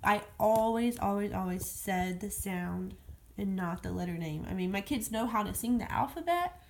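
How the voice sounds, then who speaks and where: A woman's voice: medium pitch, expressive, normal speed, creaky, darkish tone. A woman who homeschools, talking casually and rambling as she demonstrates letter sounds in a phonics tutorial recorded at home. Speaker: homeschool teacher.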